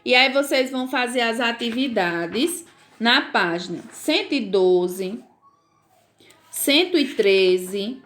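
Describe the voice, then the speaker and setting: A woman's voice: fairly high pitch, lively intonation, slow, fairly bright tone. A Brazilian woman teaching a reading lesson to first graders, patient and drawn out, often checking that the children follow. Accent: Brazilian Portuguese.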